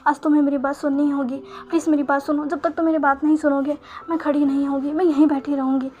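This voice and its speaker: A woman's voice: high voice, flat delivery, quick pace, darkish tone, muffled recording, lightly acted. A woman voicing a desperate, clinging young woman who begs for love, in a read-aloud fan story. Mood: pleading.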